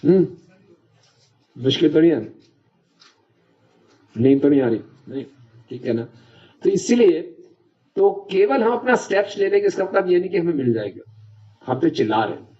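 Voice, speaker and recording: A preacher gives a devotional lecture in a chatty, conversational manner, often checking that his audience is following. His voice is fairly high and dark-toned with big pitch swings, moving at normal speed with frequent pauses. The recording is dull and lo-fi.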